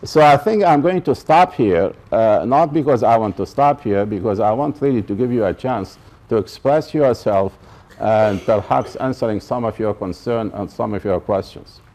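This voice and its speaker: Lecturing at a college, this Iraqi professor speaks at a moderate pace in a lowish, darkish voice. His public talk returns again and again to key ideas, emphasizing them and making sure the audience is following.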